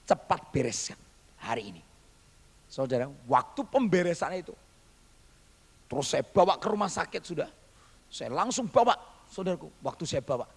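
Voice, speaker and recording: A man's voice: fairly high pitch, very animated, normal speed, long pauses, slightly rough, big-room sound. A male pastor telling a testimony in a sermon, animatedly acting out the voices he quotes.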